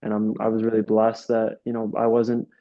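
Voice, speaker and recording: This clip features a young man from Rochester, New York, who coaches soccer and rambles casually through interview answers with plenty of fillers and false starts. His voice is lowish, monotone and mellow, and he speaks at a normal speed over dull audio.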